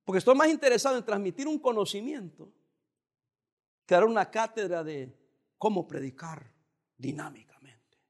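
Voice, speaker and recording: A male pastor preaching a sermon in a calm, conversational way, with occasional emphatic rises. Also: high-pitched, normal speed, pauses often.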